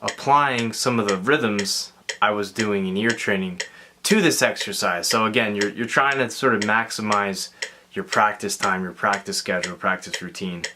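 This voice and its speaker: A man giving a casual guitar lesson, talking in a relaxed, halting way with many fillers and restarts. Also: lowish voice, background noise. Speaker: guitar teacher. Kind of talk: casual instructional talk. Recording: clear guitar playing behind the voice. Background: guitar and metronome.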